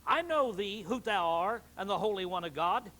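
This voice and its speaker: A man voicing an unclean demon that cries out loudly during a sermon reading. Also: high voice, lively intonation, normal speed. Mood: alarmed. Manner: loud, crying out. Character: shrieking unclean demon confronting Jesus, male.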